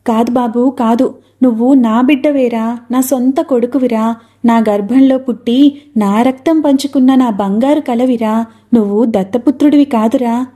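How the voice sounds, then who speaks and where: A proud, grieving mother who pleads through tears and then turns defiant, as a woman reader puts her on. The voice sits a little high, with a soft, mellow tone. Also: steady tone, moderate pace, natural voice. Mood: pleading. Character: grieving middle-aged mother, fierce and proud.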